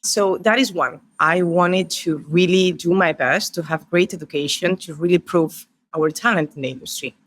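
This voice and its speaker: Brief: Spanish-accented woman, middle-aged, interview guest, warm storyteller who lists her points. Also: lowish voice, normal speed, few pauses, slight background noise. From Spain. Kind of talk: podcast interview.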